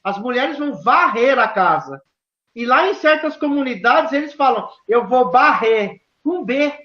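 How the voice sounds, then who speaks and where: A high-pitched woman with a southern Brazilian accent tells stories animatedly, acting out the voices of the people she quotes. Her questions come out emphatic. The recording sounds roomy and dull, like a lo-fi capture in an echoey room. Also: animated, normal speed. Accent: southern Brazilian Portuguese. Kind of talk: animated storytelling conversation.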